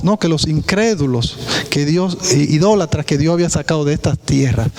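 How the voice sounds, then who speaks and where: A man's voice: darkish tone, rough recording. Emphatic man preaching a sermon. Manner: preaching with rhetorical questions to the congregation; emphatic, pitch dropping on key words. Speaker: pastor. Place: church.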